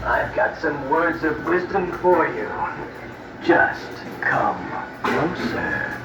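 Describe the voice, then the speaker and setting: A man voicing an ancient alien fortune-teller machine, heard as a processed robotic voice played from a speaker in a shop. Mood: beckoning. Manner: slow, grand and beckoning, with wide swoops in pitch. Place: gift shop. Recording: distant, roomy, muffled speaker playback with music. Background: music.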